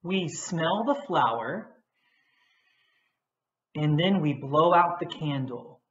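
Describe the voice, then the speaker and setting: A woman teacher giving a patient, gentle lesson on feelings for young children. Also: sits low, expressive, slow. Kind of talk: children's social-emotional lesson. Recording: echoey, dull recording.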